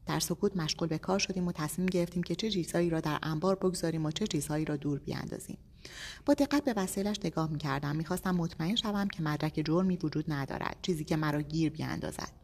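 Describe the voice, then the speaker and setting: A woman narrating an audiobook in a measured, steady reading voice. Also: low-pitched. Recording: long echoey reverb.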